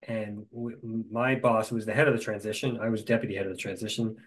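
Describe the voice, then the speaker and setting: A middle-aged man, a guest in a conversation, telling stories in a lively way with dry humor. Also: lowish voice, fast, rough recording.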